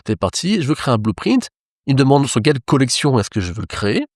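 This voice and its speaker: A man's voice: medium pitch, big pitch swings, fast talker, dry recording, studio quality. A man teaching web development, explaining each step of a screen-recorded tutorial to his viewers.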